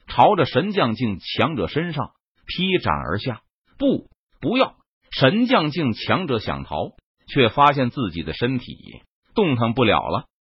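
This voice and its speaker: Male audiobook narrator, dramatic storytelling, husky voice, dry muffled lo-fi sound. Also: mid-range voice, dry recording.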